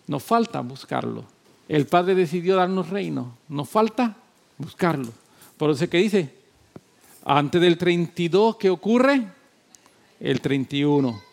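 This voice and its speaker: A male pastor preaching a sermon, emphatic and repetitive, moving between loud exhortation and quiet, low talk. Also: lively intonation, measured pace, creaky, pauses often.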